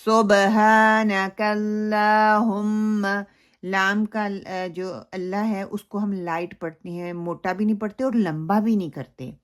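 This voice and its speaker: A woman teaching Quran recitation. She explains pronunciation slowly and then recites phrases in a drawn-out way. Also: medium pitch, steady tone. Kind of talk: recitation lesson with model recitation.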